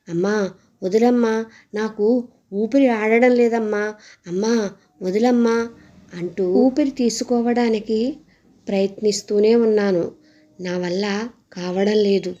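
Woman storyteller, slow and mellow, hushed suspense, first-person horror narration. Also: medium pitch, dull audio.

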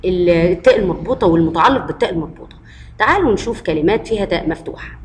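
Racing along in a fairly low, expressive voice, this woman with an Egyptian Arabic accent teaches first graders in a recorded primary school lesson. She's patient, posing questions to the class and supplying the answers herself.

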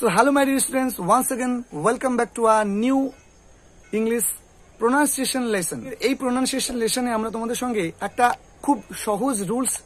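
Guy teaching english sounds, high voice, says every word over and over and quizzes the kid. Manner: drills words by repeating them and quizzing. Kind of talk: tutoring lesson with a student.

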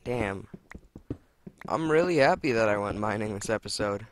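A young man with a lowish voice talks through his gameplay in a loose, chatty way. He swears and exclaims freely at every find and mishap. A faint hiss sits under his desk mic. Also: lively intonation, normal speed. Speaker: let's play gamer. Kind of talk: casual gameplay commentary.

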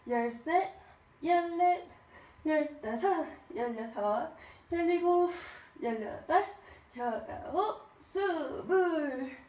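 A young woman coaching a home workout like a gym coach, counting out reps and cues with some exertion, heard from across a room. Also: high voice. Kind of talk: exercise coaching with rep counting. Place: small carpeted home room, indoors. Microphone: camera a few metres away. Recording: roomy, echoing, distant camera microphone.

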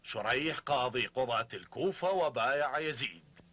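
An actor dubbing a stern official in a historical drama, who speaks in a cutting, insistent way. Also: male voice, medium pitch, lively intonation, moderate pace, fairly bright tone. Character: stern male official pressuring a prisoner.

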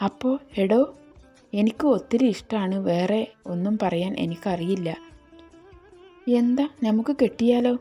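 A woman's voice: mid-range voice, a little slow, long pauses, warm tone, soft background music, natural voice. A woman voicing an ardent young man who insists on his love in a storybook reading, speaking tenderly and firmly. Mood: ardent, insistent.

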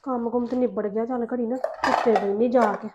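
A woman playing a soft-spoken young daughter-in-law. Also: on the high side, steady tone, brisk, heavy background noise, lightly acted. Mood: grumbling.

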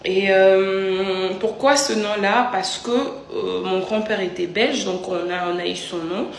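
A woman from Kinshasa chatting casually to camera in a relaxed way, dropping in a few Lingala phrases. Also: mid-range voice, slow pace, gravelly, a little hiss or hum. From Kinshasa, DR Congo. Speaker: vlogger. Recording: roomy echo, faint ambience.

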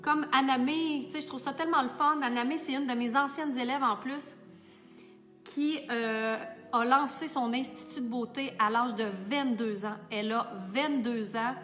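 A Québécois woman, a makeup artist and teacher, chatting warmly and enthusiastically to her viewers in a casual vlog. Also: fairly high pitch, long reverb tail. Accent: Québécois French. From Quebec. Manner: warm, enthusiastic, talks straight to viewers.

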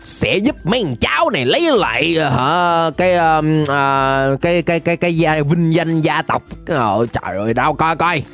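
A woman giving excited, playful Minecraft gameplay commentary, laughing often and rapidly repeating words. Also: low-pitched, faint music behind. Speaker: gaming channel host.

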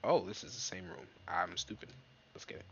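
A man giving casual, jokey let's-play commentary, excitable and swearing, talking to himself and his viewers. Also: low-pitched, brisk, gravelly, dull audio, slight background noise. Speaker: gaming YouTuber. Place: dark room at home.

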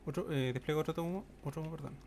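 A man's voice: a little high, fairly even intonation, rapid-fire, a little mellow, a little hiss or hum. A man with a Chilean accent giving tactical orders as squad leader in casual online game chat.

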